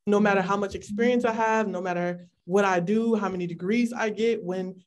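A woman in her twenties from California, speaking as an interview guest over a video call in an articulate, measured and earnest way. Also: medium pitch, steady tone. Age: 20s. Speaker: policy intern, advocate.

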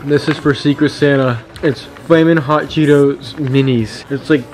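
A man's voice: on the high side, fairly even intonation, measured pace, noisy background. A young man chatting casually in his girlfriend's vlog, playful and teasing. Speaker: boyfriend. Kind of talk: casual chat. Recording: background music playing.

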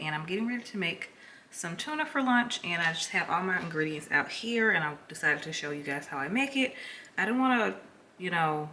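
A woman's voice: low voice, pushed and bright, a little hiss or hum. A young woman chatting casually to her viewers in a home vlog, full of "like" and "um", upbeat and friendly. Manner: chatty, filler-heavy, enthusiastic. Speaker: vlogger. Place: home kitchen.

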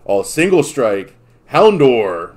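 A man's voice: mid-range voice, very animated, slow pace, a little mellow. Bemused man fumbling through names. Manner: playfully confused, stumbling over names. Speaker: card pack opener on live stream. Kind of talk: casual chat.

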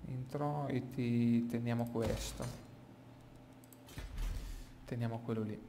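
A man's voice: mid-range voice, steady tone, slow pace, warm tone. A man giving casual gameplay commentary, thinking aloud, recorded in a small, bare, echoey room. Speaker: gaming YouTuber. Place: small room emptied of furniture, indoors. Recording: echoey small empty room, clear background noise.

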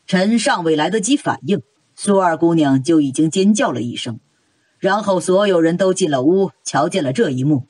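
A young noble heir recounts what happened in a cold, measured tone, played by a male voice actor. His voice is husky and rather high for a man. A storybook character. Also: lively intonation, a little mellow, no echo.

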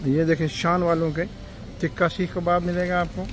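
A man wanders supermarket aisles for a chatty vlog, reading out prices and peppering his talk with "ji" and "janab". His voice is high-pitched with little pitch movement and a moderate pace, and the shop around him is noisy.

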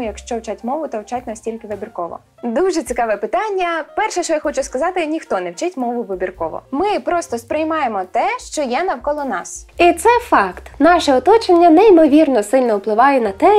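High-voiced Western Ukrainian woman vlogger. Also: a little mellow. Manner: chatty, self-ironic, explanatory. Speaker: linguist vlogger. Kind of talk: casual vlog Q&A.

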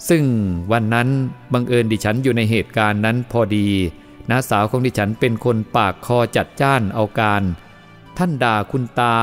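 A man reading a first-person moral story aloud as the storyteller, in a steady, measured way. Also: medium pitch.

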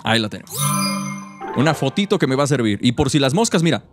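A man's voice: medium pitch, very animated, fast, music in the background. A man in his thirties with a Mexican accent giving joking, slangy live game commentary. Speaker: game streamer. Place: indoor streaming room.

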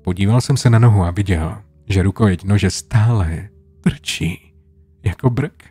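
A man narrating a horror story in a low, hushed storytelling manner, over soft guitar music. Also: breathy edge. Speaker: creepypasta narrator.

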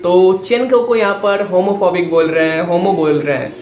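A high-pitched man talks excitedly over a rap track he keeps pausing, hyped and switching between Hindi and English as he explains the lines. His voice rings off the walls of an echoey room, and a faint hiss sits under it. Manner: mixes Hindi and English in quick bursts. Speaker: music reaction channel host. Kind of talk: casual reaction commentary.

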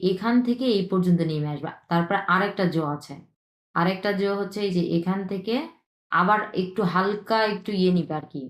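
A woman teaching a language online, explaining each stroke patiently, often checking in with a quick question, while she is ill with a cough. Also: lowish voice, echoey room. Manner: patient, repetitive, checks in with frequent tag questions.

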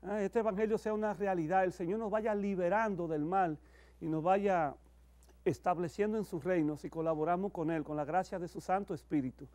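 High-pitched, mellow middle-aged priest. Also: male voice, fairly even intonation, fairly quick. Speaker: priest celebrating televised Mass. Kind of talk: homiletic announcements and liturgical blessing. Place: indoor chapel, at the altar.

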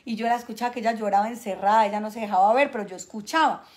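A young woman, host of a spiritual healing show, telling an emotional family story in a casual, animated way. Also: medium pitch, very fast. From Colombia.

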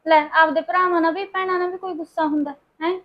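Woman acting modest married sister, Punjabi accent, soft polite replies, dull lo-fi sound. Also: extremely high pitch, fairly even intonation, fast talker. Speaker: visiting sister in a short film. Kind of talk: village family drama acting.

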